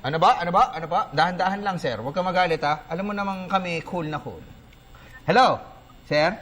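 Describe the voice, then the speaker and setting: A man's voice: sits high, brisk, fairly bright tone. A man hosting a sports talk show in a studio, bantering casually and joking with callers. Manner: joking, teasing, easygoing.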